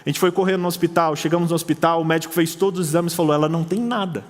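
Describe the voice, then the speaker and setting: Male missionary preacher, high voice, storytelling sermon, long hall reverb. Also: flat delivery, rapid-fire. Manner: storytelling, acts out quoted dialogue with rising pitch. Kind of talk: sermon testimony.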